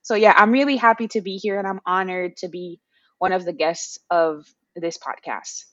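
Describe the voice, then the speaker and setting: A young woman from Haiti, a podcast guest speaking thoughtfully in a casual interview, pausing to find her words. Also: lowish voice, steady tone, dry recording, dull audio. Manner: thoughtful, with fillers and restarts.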